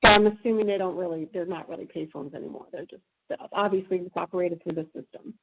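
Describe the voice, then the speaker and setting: A woman's voice: on the low side, fairly even intonation, vocal fry, husky. Woman interviewing casually over a narrow phone line. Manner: rambling, halting questions.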